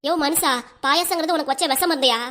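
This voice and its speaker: A woman voicing a nagging, sharp-tongued elderly grandmother in a cartoon comedy, with a southern Tamil Nadu accent, scolding and exasperated. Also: high-pitched, fast. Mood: teasing.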